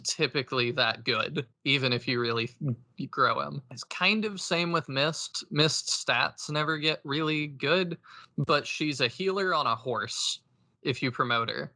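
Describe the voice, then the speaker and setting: A man co-hosts a casual podcast about video games, speaking in a measured, even way. His voice is very bright and sharp, and it is recorded dry and close to the mic, with no room sound. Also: mid-range voice, no room sound. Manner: measured, lots of "um" fillers. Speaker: podcast co-host.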